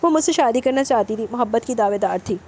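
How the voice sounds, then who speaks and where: A woman's voice: fairly high pitch, a little mellow, a little hiss or hum, close to an everyday voice. A woman voicing a brooding young husband in a romance novel reading, earnest and lecturing. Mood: confessing.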